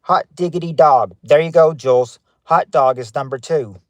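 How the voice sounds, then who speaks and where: A man's voice: fairly high pitch, moderate pace, no echo. A man hosting a casual family game show on a livestream, reading out answers and greeting viewers by name from his parked car.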